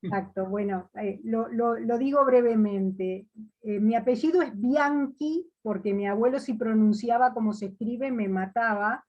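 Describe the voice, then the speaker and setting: A woman poet from Uruguay, talking slowly with many pauses and fillers in a video call interview. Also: fairly high pitch, dull audio.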